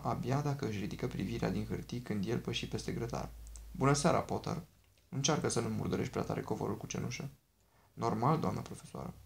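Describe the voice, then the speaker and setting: A man reads an audiobook at a steady, measured pace. His voice is mid-pitched with a pronounced gravelly fry running through it. He keeps an even storytelling manner. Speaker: audiobook narrator. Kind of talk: audiobook reading.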